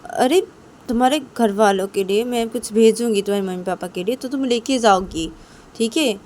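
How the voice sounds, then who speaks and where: A woman's voice: a little high, darkish tone, a little hiss or hum, natural voice. A woman voicing Piu, a bossy young woman who coaxes and insists, repeating herself, in an amateur audio story. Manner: pushy, coaxing, repeats herself. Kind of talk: amateur storytelling with acted voices.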